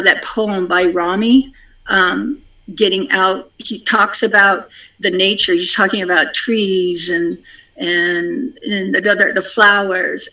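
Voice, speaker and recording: Slow, halting speaker with a bright tone. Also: mid-range voice, low-quality recording. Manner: halting and unhurried, with many ums and repeated phrases. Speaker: community member sharing a practice. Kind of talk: spiritual group discussion.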